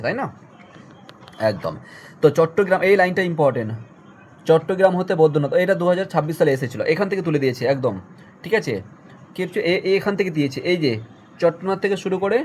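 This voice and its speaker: A man's voice: a little high, a little hiss or hum. A young adult male teacher giving an exam-focused online lesson, explaining a text line by line and checking often that students follow.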